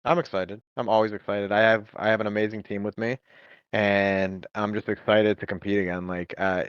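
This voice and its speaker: A man, an esports coach, chatting on a podcast in an animated way and acting out what players say. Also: fairly low pitch, moderate pace, clean tone, no echo, muffled recording. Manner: animated storytelling, acts out players' voices. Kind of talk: casual podcast chat.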